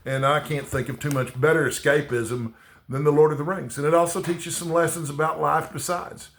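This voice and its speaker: The booktuber, slightly Texan in accent, chats casually and rambles, restarting haltingly and frequently ending lines with "okay?". Here his voice is a little high and gravelly, fairly bright, with fairly even intonation and a reverberant sound.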